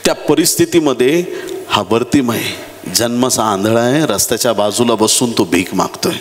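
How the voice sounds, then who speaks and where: A man preaching a dramatic sermon in a church, dropping to low murmurs and rising to high shouted appeals. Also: moderate pace. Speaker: pastor. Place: church hall. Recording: echoey hall with faint background noise.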